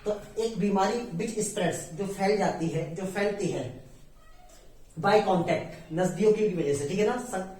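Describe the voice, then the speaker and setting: A woman's voice: mid-range voice, mellow. Indian lady teaching english words, keeps asking and repeating, really echoey room, far off mic. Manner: explains slowly in Hindi with English words, often asks and repeats. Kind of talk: online English lesson.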